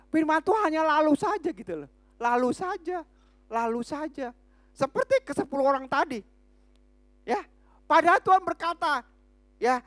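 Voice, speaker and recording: A woman with an Indonesian accent preaching a sermon, emphatic, swinging from shouts down to hushed, slow lines. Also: sits high, dry recording.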